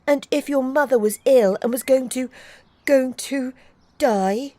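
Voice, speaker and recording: A woman's voice: high voice, unhurried, darkish tone, dry recording, voice pushed up. A woman voicing an unhappy young boy who speaks in an earnest, wound-up way. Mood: upset.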